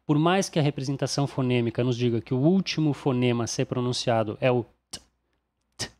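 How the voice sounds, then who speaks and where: A man with a Brazilian Portuguese accent gives a pronunciation lesson at a middle pitch. He explains each point in a clear, didactic way and says every example word slowly, often twice. The voice-over stays calm and even. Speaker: English pronunciation teacher. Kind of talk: instructional explanation.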